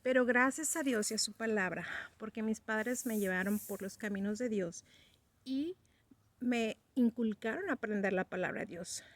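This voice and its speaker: A woman's voice: on the high side, normal speed, no room sound. A woman in her fifties giving an earnest personal religious testimony, acting out remembered conversations as she tells them. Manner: earnest, acts out remembered dialogue.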